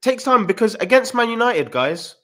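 A man co-hosting a casual football chat over a video call, animated and often jumping up in pitch. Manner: animated, quick rises in pitch. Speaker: co-host. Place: home room, video call. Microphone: desk mic on video call.

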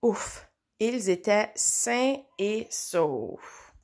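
A woman reading a children's picture book aloud, expressive, with slow dramatic pauses. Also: mid-range voice. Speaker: storybook reader. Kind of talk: children's story read aloud.

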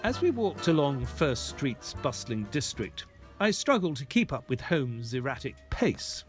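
A man's voice: mid-range voice, very animated, a little slow. An actor playing an earnest, easily baffled male ex-soldier doctor who narrates and talks in an audio drama. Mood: earnest, narrating. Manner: hesitant, puzzled, earnest. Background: music.

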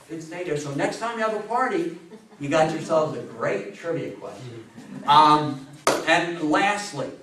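In a small indoor meeting room, a U.S. speaker in his sixties talks about radio history to a live audience, informal and animated, driving points home by repeating phrases. His voice sits on the high side. A distant camera microphone makes the recording noisy and roomy.

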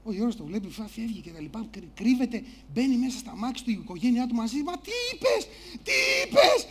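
Theatrical guy telling a story at a conference, fairly high voice, super animated. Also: slight background noise. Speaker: conference speaker. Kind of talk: live storytelling talk. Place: conference stage.

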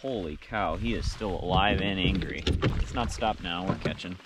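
A young man with a low-pitched voice fishes from a canoe on a lake, chatting casually and explaining his tackle plainly and excitedly at a moderate pace. He's recorded on an action camera mounted on the boat, with heavy background noise.

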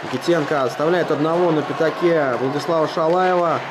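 A man's voice: a little high, fairly even intonation, brisk. A man giving live ice hockey play-by-play in short, clipped phrases. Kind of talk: live sports play-by-play commentary. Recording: very noisy arena, loud crowd. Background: loud crowd and rink noise.

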